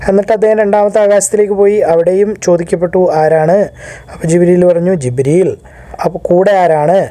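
Guy reading out scripture and explaining as he goes, really deep dark mellow voice, super dry no room sound. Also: fairly even intonation, no room sound. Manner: earnest explainer, pauses to restate in simpler words. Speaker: religious teacher translating hadith. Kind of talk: reading a translation with spoken commentary.

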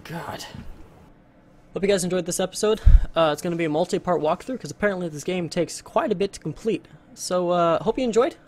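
A man casually commentating his own let's-play, with blunt, sweary jokes. His voice sits a bit high. Faint noise hums under the recording. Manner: blunt, sweary, joking reactions. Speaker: gaming channel host.

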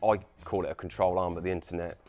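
A mechanic explaining car repairs in a matter-of-fact way, in a workshop. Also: male voice, sits low, steady tone, quick pace, a little mellow, faint music behind.

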